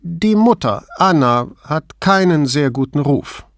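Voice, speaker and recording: A man's voice: on the high side, expressive, measured pace, dry recording, clean studio sound, voice pushed up. A man voicing a protective, fiery middle-aged female shop owner in an audiobook, talking heatedly. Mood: guarded. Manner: heated, emphatic.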